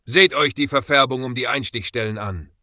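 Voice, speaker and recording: A man voicing a grim, practical woman mercenary, speaking in a low murmur. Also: normal speed, bright, forceful tone, no echo, studio quality.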